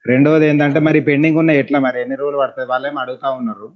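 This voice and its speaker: A man, a district official speaking rapidly and earnestly in an online meeting. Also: medium pitch, fairly even intonation, a little mellow. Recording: dull lo-fi call audio.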